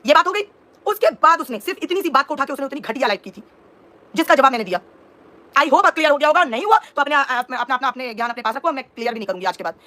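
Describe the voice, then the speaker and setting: A woman's voice: high voice, expressive, rapid-fire, sharp tone. A woman in her thirties livestreaming as a reaction vlogger, indignantly explaining herself and answering viewers' comments. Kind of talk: live-stream talk to viewers.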